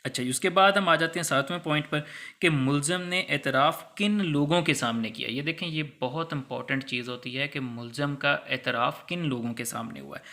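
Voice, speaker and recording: A law lecturer with a Pakistani accent speaks briskly in a voice on the high side, bright and forceful in tone. He teaches conversationally and didactically, explaining step by step, mixing in English legal terms and acting out hypothetical examples.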